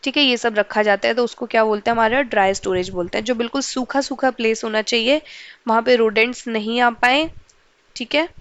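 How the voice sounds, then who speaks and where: A woman's voice: on the high side, steady tone, brisk, a bit bright, smooth, no room sound, muffled recording. A woman teaching a school science lesson who asks questions and answers them herself, slipping English terms into her speech. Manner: mixes in English terms and phrases. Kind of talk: explaining a school science chapter.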